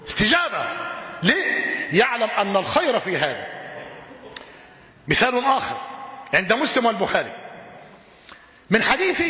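A man with an Egyptian Arabic accent preaching a sermon, telling stories and throwing out rhetorical questions. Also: extremely high pitch. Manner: animated storytelling, rhetorical questions. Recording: echoey hall with long reverb.

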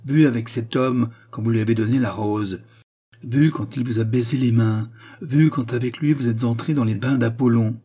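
A man's voice: medium pitch, steady tone, moderate pace, warm tone, natural voice. A man reading an audiobook, voicing a jealous young nobleman who speaks with intense, barely restrained accusation. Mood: furious.

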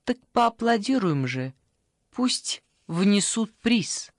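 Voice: big pitch swings, takes it slowly, dry recording, studio quality. A reader voicing a fussy, clingy old grandmother in an audiobook, pleading and fussing in a raised voice. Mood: hushed, conspiratorial. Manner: pleading, fussing, high-pitched outbursts.

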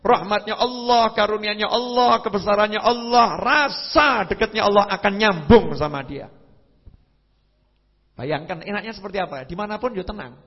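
A man giving a religious lecture, telling stories with sudden leaps in pitch and voiced sound effects. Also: normal speed. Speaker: preacher. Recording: lo-fi hall recording with long reverb.

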